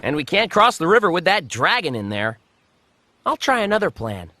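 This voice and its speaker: A man voicing a brash, hot-tempered monkey king in a children's animated story, boastful and cheeky. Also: high-pitched, normal speed, no room sound, exaggerated voice. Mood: frustrated. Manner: boastful, impudent.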